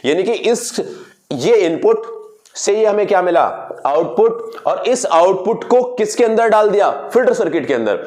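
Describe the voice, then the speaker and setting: A man with a higher voice teaches a physics class, working at the board as he talks. He keeps asking the students questions and answering them himself. He repeats key words over and over and drops English phrases into his explanations. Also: a little mellow. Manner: addresses students directly, mixing in English phrases.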